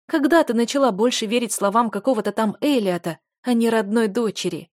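A woman's voice: on the high side, fairly quick, a little mellow, dry recording, voice pushed up, lightly acted. A woman reads a fierce, stubborn young noblewoman who argues back with heat. The storybook voice is close and dry, with no room sound. She stands her ground in every line. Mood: defiant. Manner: defiant, heated.

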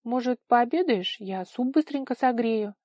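A woman reading an audiobook voices a kind, plump older mother who speaks softly and tenderly. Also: on the high side, expressive, unhurried, no room sound, studio quality, voice pushed up. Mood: doting. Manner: soft, tender, doting.

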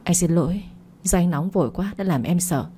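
Woman voicing pleading young man, persistent, low mellow tone, storybook reading. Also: brisk, slight background noise, lightly acted. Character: young man pleading with his childhood friend.

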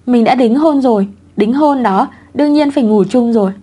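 A woman's voice: a little high, fairly quick, darkish tone, lightly acted. A woman voicing a teasing, clingy young husband in a read-aloud story, in her own plain voice.

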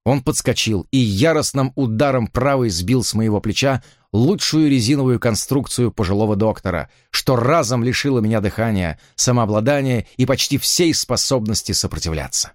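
A man's voice: mid-range voice, expressive, normal speed, few pauses, dry recording, studio quality. A man reading a first-person thriller aloud, narrating in a dramatic way. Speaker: audiobook narrator.

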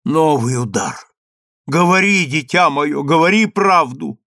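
A man's voice: mid-range voice, animated, a little slow, a bit bright, dry recording, studio quality. A man voicing a stern grieving mother. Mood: insistent. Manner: stern and insistent. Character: stern grieving mother, commanding then pleading.

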